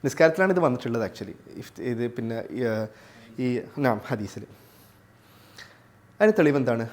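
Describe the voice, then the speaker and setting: A man teaching a class on Quran recitation. He recites Arabic phrases slowly, then explains them in plain terms. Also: medium pitch, expressive. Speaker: tajweed teacher. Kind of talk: classroom lesson.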